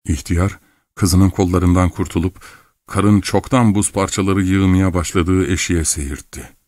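A man narrating a story in a measured storytelling manner. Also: deep voice, steady tone, a little mellow, no room sound. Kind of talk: scripted narration.

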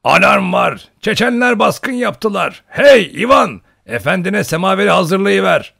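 A man voicing a loud, hearty old male Cossack hunter in an audiobook, booming and teasing. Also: very animated, moderate pace, vocal fry, full character voice. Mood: hearty shouting. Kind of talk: audiobook character voice.

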